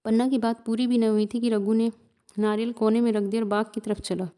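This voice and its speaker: A woman narrating a classic short story in a steady storytelling manner, voicing every character. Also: on the high side, fairly quick, smooth.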